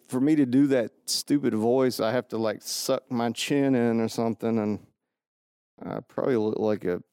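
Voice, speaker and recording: A man's voice: medium pitch, gravelly, mellow, no room sound, studio quality. A man hosting a solo podcast, rambling goofily and joking at his own expense. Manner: self-mocking, goofy, rambling. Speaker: podcast host.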